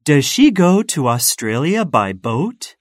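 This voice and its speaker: Low-voiced woman reading slow questions. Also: very animated, dry recording, studio quality. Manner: slow, carefully enunciated questions for learners. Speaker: listening test reader. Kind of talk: scripted textbook dialogue reading.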